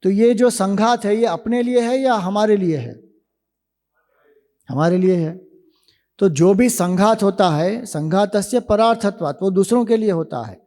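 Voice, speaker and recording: A man giving a spiritual discourse, explaining ideas slowly with rhetorical questions to listeners in a hall. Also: high-pitched, warm tone. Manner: slow, deliberate, rhetorical questions. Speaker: spiritual teacher. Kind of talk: Vedanta discourse to youth camp.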